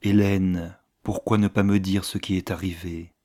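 A man reading as an earnest young gentleman. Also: low-pitched, little pitch movement, unhurried. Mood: urgent.

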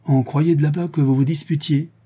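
Excitable little boy for an audiobook, read by a man, eager and quick, husky warm timbre. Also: fairly high pitch, voice pushed up. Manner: eager, animated chatter.

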